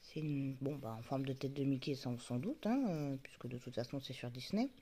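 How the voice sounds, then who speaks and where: A woman's voice: a bass voice, expressive, moderate pace, dark tone, a little hiss or hum. A woman chatting casually to her viewers as she opens advent calendar doors, muttering asides and talking to the camera's focus. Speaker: YouTuber unboxing advent calendars. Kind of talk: casual chat.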